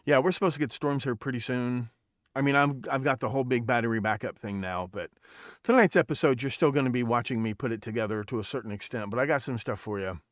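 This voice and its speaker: In a clean studio recording with no room sound, a podcast host talks fast at a medium pitch. His livestream chat is loose and foul-mouthed, and he keeps starting sentences over.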